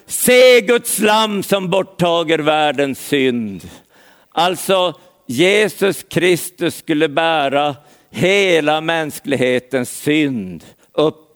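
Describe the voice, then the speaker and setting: A man's voice: a little high, fairly bright tone. A man preaching an earnest sermon, speaking directly to listeners by name.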